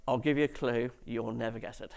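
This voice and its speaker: A man's voice: mid-range voice, steady tone, fairly quick, vocal fry, slight background noise. A man giving a conference talk to developers, with dry, sarcastic humour and questions to the audience, on stage in a conference hall. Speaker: conference speaker.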